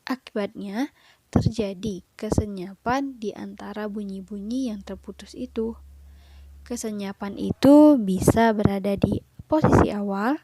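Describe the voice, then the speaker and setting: Reading listed points aloud in short phrases, with a filler here and there, a young Indonesian woman who is a university student presents a lesson as a read-aloud lecture. Her medium-pitched voice is mellow and measured, with a little hiss or hum in the recording.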